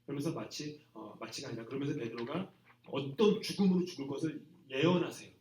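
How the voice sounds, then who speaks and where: A man preaching a sermon to students in a plain, conversational way, often dropping to a soft trailing voice at the ends of phrases. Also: mid-range voice, a little fast. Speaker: pastor. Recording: echoey hall from a distance.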